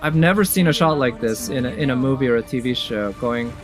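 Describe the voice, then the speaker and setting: Thinking aloud over game trailer music, a laid-back reviewer offers conversational reaction commentary on the trailers. The voice sits in the mid range and moves a bit quickly.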